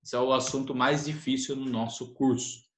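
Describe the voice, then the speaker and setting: A man's voice: mid-range voice, steady tone, normal speed. A man teaching an English grammar lesson, explaining patiently and repeating the key points. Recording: echoey room, faint noise.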